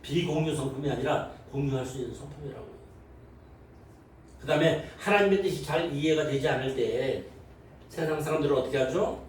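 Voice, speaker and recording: A male pastor with a fairly high voice preaches in a large, very echoey sanctuary, heard from some distance. He quizzes the congregation as he goes and slips into short acted-out voices to show worldly reactions. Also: fairly quick. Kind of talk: sermon. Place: church sanctuary. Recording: very echoey hall, voice from far off, faint noise.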